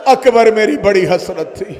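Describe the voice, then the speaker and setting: A man's voice: sits high, lively intonation, measured pace, over a noisy crowd. A man delivering a mourning sermon, reciting a lament in a half-sung, wailing way at a religious gathering. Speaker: religious orator. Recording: long hall reverb.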